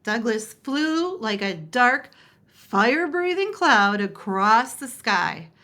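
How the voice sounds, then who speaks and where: A woman reading a picture book aloud with expressive storytelling. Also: on the high side, slow pace. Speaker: storybook reader.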